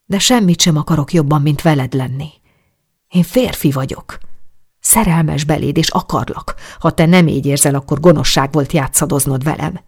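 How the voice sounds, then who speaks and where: A reader plays a man in love who feels toyed with. His lines come out irritated and reproachful. The gravelly, husky tone stays close to the narration. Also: mid-range voice. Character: angry, jilted man lover. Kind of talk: audiobook dialogue.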